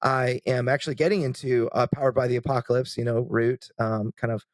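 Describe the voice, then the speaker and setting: A man co-hosting a casual podcast, working through his ideas out loud with many ums and restarts. His voice sits at an everyday middle pitch. The sound is dry and close, with no room around it. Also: level tone, brisk, dry recording. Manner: rambling, thinking aloud with many fillers. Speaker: podcast co-host.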